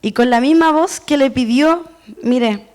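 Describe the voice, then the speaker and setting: High-voiced woman preaching. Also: measured pace, darkish tone. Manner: earnest, personal, includes herself with the listeners. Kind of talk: sermon.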